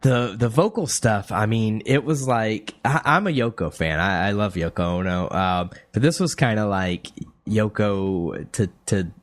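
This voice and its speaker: A man's voice: lowish voice, lively intonation, measured pace. A man co-hosting a music review podcast, speaking hesitantly with stumbling restarts. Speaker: podcast co-host. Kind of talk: casual music review chat.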